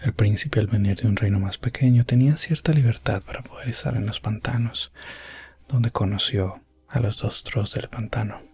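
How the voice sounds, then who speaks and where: Calm and reflective, a man with a lowish voice portrays an elf prince adventurer looking back on his rescue quest in an ASMR fantasy roleplay. He speaks softly and breathily, often in a whisper, pausing solemnly in a gentle, hushed manner.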